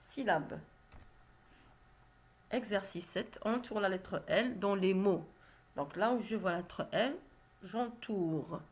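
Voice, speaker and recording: A woman teacher going slowly through reading exercises with young pupils, carefully sounding out syllables and letters. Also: mid-range voice, vocal fry. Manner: slow, careful, spells out syllables. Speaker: primary school teacher. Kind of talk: reading lesson, exercise correction.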